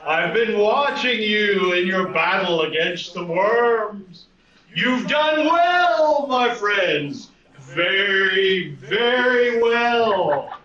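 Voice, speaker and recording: A man voicing a sleazy, smarmy, grandiose villain with an oily, drawn-out purr in a tabletop role-play game. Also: sits high, lively intonation, bright, forceful tone, far from the mic, heavily acted. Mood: smarmy, gloating. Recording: echoey, muffled room, crowd chatter.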